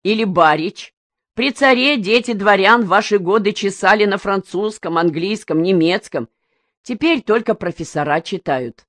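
A woman's voice: medium pitch, lively intonation, moderate pace, fairly bright tone, no room sound, voice pushed up, natural voice. A jovial middle-aged village father, teasing and full of amazed exclamations, as a woman audiobook reader puts him on. The voice sits mid-range and close, with no room sound at all.

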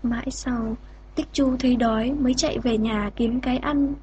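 A woman narrating a fairy tale in a slow, gentle reading voice. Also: on the high side, steady tone, lo-fi sound, a little hiss or hum. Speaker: storyteller.

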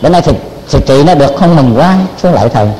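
A man's voice: fairly high pitch, animated, fast, dark tone, lightly acted. An older man voicing a deferential middle-aged male police chief, speaking humbly and respectfully, in a long-echoing hall.

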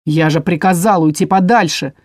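A woman voicing a calm male dragon inquisitor who speaks softly and soothingly. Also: fairly low pitch, normal speed, no room sound, studio quality, lightly acted. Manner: soft, soothing, hushed.

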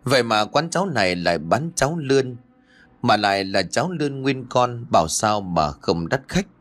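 A man narrating a scripted horror story, telling it in a dramatic and animated way. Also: mid-range voice, normal speed. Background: faint music.

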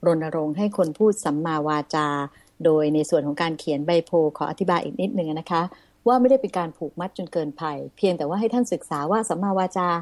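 A woman hosts a Buddhist radio talk show from the studio. Her voice sits on the low side and the sound is dry and close with no room around it. She speaks politely and formally, softening each point with courtesy particles. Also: lively intonation, fast talker, dry recording.

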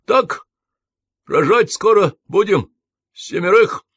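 A man voicing an eccentric, excitable middle-aged official who exclaims and mocks theatrically in an audiobook. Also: high-pitched, slow pace, gravelly, no room sound, pitched above the performer's own voice, heavily acted. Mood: insistent. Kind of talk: audiobook character voice.

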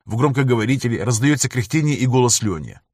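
A man narrating a sci-fi audiobook in a dramatic reading style, also voicing the crew's shouted commands. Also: medium pitch, expressive, fast talker, breathy edge, dry recording, clean studio sound.

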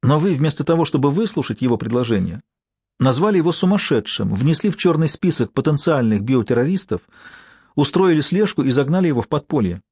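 A man reading an audiobook voices a woman in her early thirties who speaks in a quiet, faltering voice and grows indignant. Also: fairly high pitch, lively intonation, brisk, slightly rough, no echo, studio quality. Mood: impassioned.

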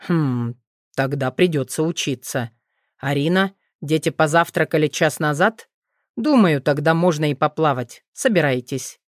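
A woman voicing a brooding, remorseful male dragon in an audiobook, speaking low and measured. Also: lively intonation, no room sound, studio quality. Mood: calm. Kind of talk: audiobook character reading.

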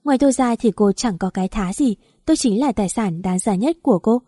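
A woman's voice: medium pitch, expressive, a little fast, warm tone, no room sound, studio quality, close to an everyday voice. Woman reading as a scornful rich married man. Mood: contemptuous. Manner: scornful, insulting. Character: arrogant wealthy married man, cold and cutting.

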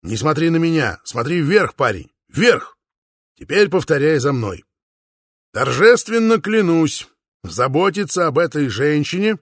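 A man's voice: a little high, sing-song, a little slow, no room sound, clean studio sound. A man doing a blustering old Boer father. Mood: solemn, stern. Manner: shouting, blustering. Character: gruff old Boer father, loud, protective.

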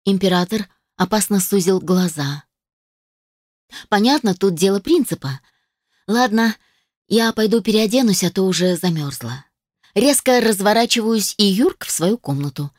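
A woman reads a first-person novel aloud with a sardonic, brisk edge. Her voice sits in the middle of the range, recorded close and dry. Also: mid-range voice, expressive, a little mellow, no echo. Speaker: audiobook narrator.

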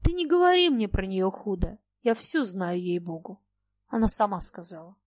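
A woman voicing a shy, troubled young man who speaks quietly and hesitantly. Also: lively intonation, normal speed, dry recording, close to an everyday voice. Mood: brooding. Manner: quiet, hesitant, low-spoken. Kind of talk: audiobook character reading.

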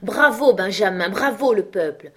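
A woman reading aloud, voicing a jovial older man who hosts a dinner and cries out loudly. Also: on the low side, animated, normal speed, slightly rough. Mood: hearty exclaiming. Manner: loud, exclamatory. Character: jovial older male host, hearty.

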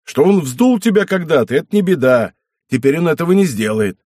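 A boisterous middle-aged nobleman, half drunk, teasing and loud, as a male reader puts him on. His husky voice climbs high and swings about, and the sound is close and dry. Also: very animated, brisk, no echo. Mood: jovial.

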